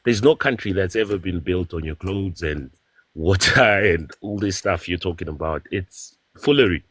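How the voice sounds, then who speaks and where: Husky-voiced man arguing in a debate. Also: low voice, moderate pace, fairly bright tone, no echo. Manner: argumentative, insistent. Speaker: caller in a debate. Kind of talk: heated debate.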